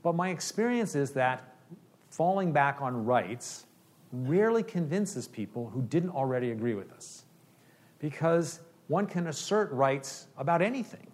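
A man's voice: fairly high pitch, big pitch swings, measured pace. Man answering questions in a lecture. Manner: explanatory, uses "okay?" often.

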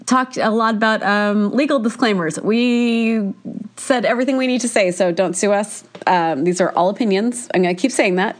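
A woman's voice: mid-range voice, moderate pace. Congested woman podcast host with stuffy nose. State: sick with a cold, tired. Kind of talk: casual podcast episode introduction.

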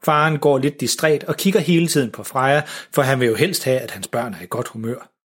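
A man narrating a children's story in an even, gentle way, with a husky voice. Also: mid-range voice.

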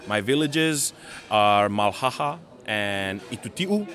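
A man from Fiji, giving earnest interview answers and pausing to search for words. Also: lowish voice, expressive, a bit bright. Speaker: Pacific island campaigner interviewed at a meeting.

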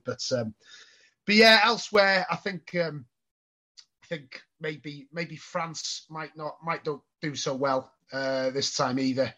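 A man's voice: a little high, pushed and bright. A man chatting casually about football on a podcast, hesitant, with lots of ums. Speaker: podcast guest. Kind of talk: casual chat. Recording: slightly muffled audio.

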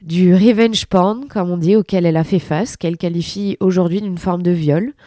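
Mellow, cold-hoarsened French podcast hostess. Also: female voice, fairly low pitch, moderate pace, no echo, studio quality. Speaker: podcast host and interviewer. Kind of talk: introducing and hosting a sports podcast.

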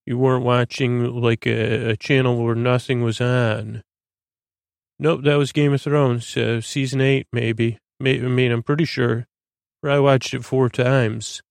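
This bedtime-story podcast host talks in a lulling, creaky and gravelly voice at a middle pitch with little pitch movement, captured close in a dry recording. His pace is measured, but his rambling monologue is hesitant and often trails into tangents.

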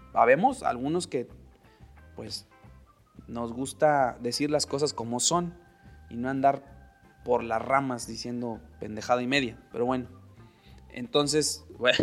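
A man's voice: mid-range voice, fairly bright tone. A man from Monterrey, Mexico, with a northern Mexican accent, hosting a casual solo podcast, opinionated and chatty, laughing often and mimicking people. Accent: Monterrey Mexican Spanish. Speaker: podcast host.

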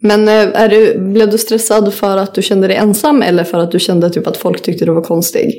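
Mellow-voiced young woman asking questions. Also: medium pitch, flat delivery. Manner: probing, reactive listener asking follow-up questions. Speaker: podcast co-host. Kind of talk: casual chat.

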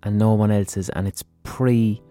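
An Irish man speaks as a podcast host in a low, soft-edged voice. He is informal and earnest, and swears freely. Faint music sits behind him. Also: fairly even intonation, normal speed, smooth. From Ireland. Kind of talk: casual spoken podcast introduction and interview.

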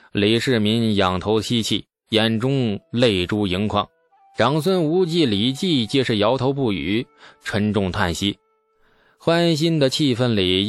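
A man narrating a historical novel as an audiobook in a steady storytelling manner. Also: on the low side, dry recording. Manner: steady storytelling with asides to listeners.

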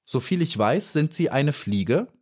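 Man reading as a polite little honeybee, raised pitch, earnest, shy, storybook voice. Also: very animated, a little slow, a little mellow. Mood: polite, eager.

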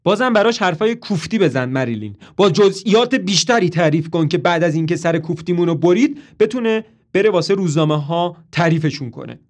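A man voicing a frantic, hot-tempered young man who shouts angrily and panics. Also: high-pitched, lively intonation, few pauses, pitched above the performer's own voice. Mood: furious.

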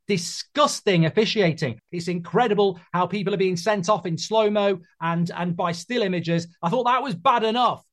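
A man's voice: sits high, normal speed, hardly any pauses. A man who is a football fan, delivering an indignant, emphatic rant. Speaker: football fan giving opinion.

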